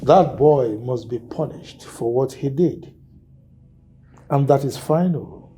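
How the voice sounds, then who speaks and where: A man's voice: mid-range voice, slow pace, mellow, natural voice. An actor with a Nigerian accent playing a stern king and father in a film drama, speaking with commanding authority. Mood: stern, final.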